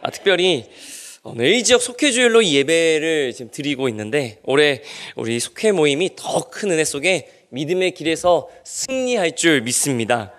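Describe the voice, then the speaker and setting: A male pastor preaching to his congregation. His voice sits a little high and rises and falls with great animation. He jokes and trades questions with the listeners. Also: sing-song, normal speed, fairly bright tone. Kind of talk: sermon.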